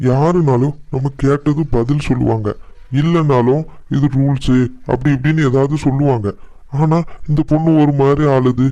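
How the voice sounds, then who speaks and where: A frustrated young man from a family cartoon, voiced by a man, brooding aloud with suspicion. His voice is mellow and dark in tone yet sits fairly high. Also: highs cut off, close to an everyday voice. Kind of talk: cartoon voice acting.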